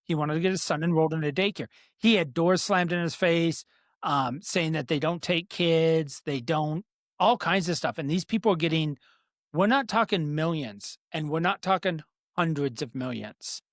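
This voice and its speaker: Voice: medium pitch, normal speed, no room sound, clean studio sound. A podcast host with a speech impediment that turns R sounds toward W, talking politics casually in a blunt, profane way. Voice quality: speech impediment, cannot pronounce R sounds, says W for R.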